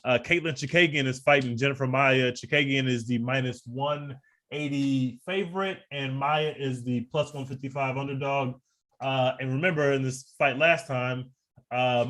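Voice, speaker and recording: A man's voice: medium pitch, steady tone, moderate pace, a bit bright. Laid-back man talking fight picks. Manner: laid-back, slangy, laughs often. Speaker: podcast co-host. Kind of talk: casual sports betting chat.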